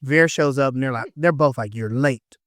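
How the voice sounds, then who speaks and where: A man's voice: medium pitch, a little fast, fairly bright tone, dry recording. Man with a dry, close sound retelling an episode, joking. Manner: joking, slangy retelling with asides to listeners. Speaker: podcast host. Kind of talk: casual episode recap.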